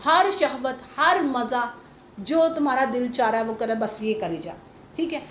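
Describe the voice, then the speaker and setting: A woman's voice: a little high, a bit bright, roomy sound, a little hiss or hum. A woman teaching a Quran commentary class to a small group. She explains patiently, mixes in English terms, recites Arabic verses and asks the class questions.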